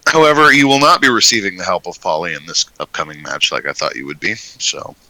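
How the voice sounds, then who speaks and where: Deep, sharp-toned laid-back game master. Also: male voice, quick pace, no echo, rough recording. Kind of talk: running a tabletop game, casual chat.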